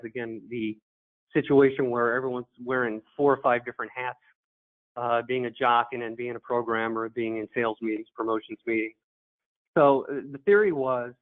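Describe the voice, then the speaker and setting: A man co-hosting a radio webinar in a relaxed, joking way with loose phrasing. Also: medium pitch. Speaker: radio programmer and webinar co-host. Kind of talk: casual webinar presentation. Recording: tinny phone-like audio.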